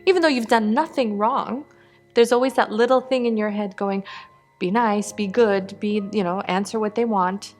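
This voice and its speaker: A woman's voice: mid-range voice, normal speed, soft background music. A woman speaking candidly as an interviewee, laughing often and restarting her sentences. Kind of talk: candid studio discussion.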